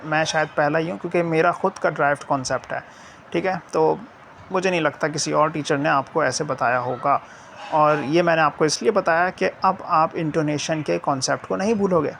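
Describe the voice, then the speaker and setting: A man's voice: fairly high pitch, fairly even intonation, moderate pace, gravelly, fairly bright tone, slight background noise. A man from Pakistan, an English teacher explaining a video lesson in a mix of Urdu and English, checking in with "theek hai" after nearly every phrase.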